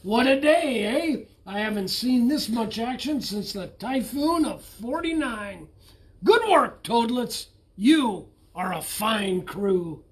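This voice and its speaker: A man's voice: very high-pitched, animated, takes it slowly, hardly any pauses, heavily acted. Man reading as a blustery old sea dog captain from a picture book. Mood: hearty. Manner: hearty nautical bluster. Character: gruff old male sea captain, a grumbling old salt.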